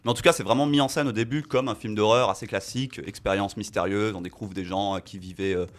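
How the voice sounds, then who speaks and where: A man's voice: on the low side, steady tone, fast talker. A man giving a casual film chronicle on a radio show, chatty and self-mocking, with many fillers and restarts. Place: radio studio.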